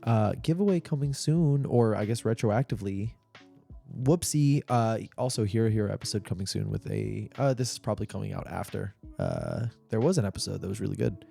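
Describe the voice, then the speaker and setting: A man's voice: lowish voice, sing-song, brisk, gravelly, dark tone, soft background music. A man co-hosting a podcast in casual chat, joking and swearing with frequent laughter. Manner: joking, profane, laughs often. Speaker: podcast co-host.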